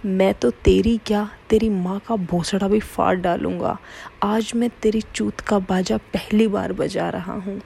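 A woman reading the lines of a coarse, boastful older man in her own voice, loud and taunting. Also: medium pitch, gravelly, husky.

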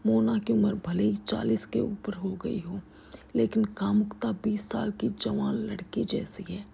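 A sly, coaxing middle-aged father-in-law, whispered by a woman in a whispered role-play. The whisper is very breathy with a heavy gravelly fry, and the tone stays dark and mellow. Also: medium pitch, flat delivery, unhurried, exaggerated voice.

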